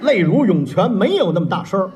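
A man playing the straight man in a xiangsheng crosstalk routine, firing back quick deadpan retorts. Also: high voice. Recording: live stage recording with audience and noise.

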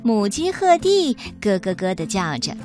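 A woman reading a children's picture book aloud, in an expressive, sing-song storytelling voice. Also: mid-range voice, measured pace, soft background music.

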